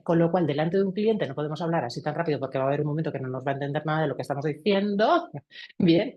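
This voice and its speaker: A middle-aged woman with a Spanish accent from Spain, training opticians in a lively webinar lecture with asides. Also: on the low side, slightly rough. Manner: lively teacher with asides and sound effects.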